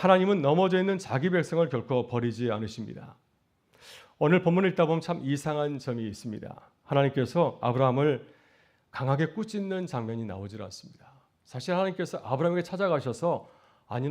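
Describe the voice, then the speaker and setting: A man's voice: mid-range voice, a little mellow. A middle-aged man, a pastor, preaching a sermon earnestly, asking rhetorical questions and rising to emphatic peaks.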